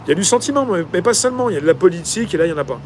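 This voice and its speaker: A man's voice: high voice, lively intonation, racing, a little mellow. Man reading and chatting over traffic noise. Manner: hesitant, many fillers and restarts. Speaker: YouTube channel host. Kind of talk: reading a novel aloud and commenting. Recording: noisy with traffic outside.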